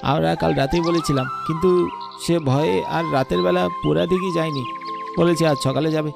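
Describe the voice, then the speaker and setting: In this horror cartoon, a man voices a group of scared villagers, stammering frequently in a fearful way. His voice is a little high with vocal fry, fairly even in intonation and fairly quick, and music plays in the background.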